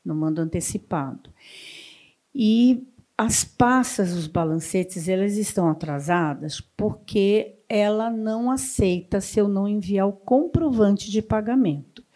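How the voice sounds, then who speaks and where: Woman, audience member, mellow voice, hesitant, explaining a problem. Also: mid-range voice, measured pace. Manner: hesitant, explaining her situation. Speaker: audience member asking a question. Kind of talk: question from the floor.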